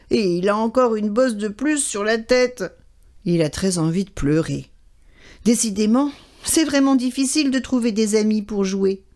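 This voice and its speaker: A woman telling a children's story aloud in an expressive, animated way. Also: mid-range voice.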